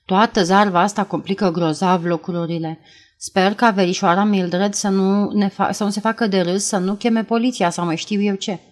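A woman voicing a secretive, guarded young woman in an audiobook, speaking in a calm, measured way. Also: medium pitch, close to an everyday voice. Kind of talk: audiobook character reading.

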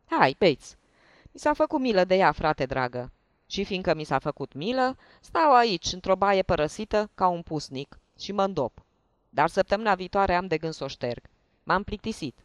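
A narrator voicing a loud, carefree, drunken lieutenant in an audiobook reading. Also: medium pitch, sing-song, dry recording, lightly acted. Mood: rowdy. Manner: loud, swaggering, urging others to drink.

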